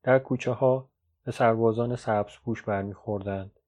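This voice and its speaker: A man narrating a novel as an audiobook, in a measured, even storytelling read. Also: on the low side. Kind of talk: scripted literary narration. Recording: dull lo-fi recording.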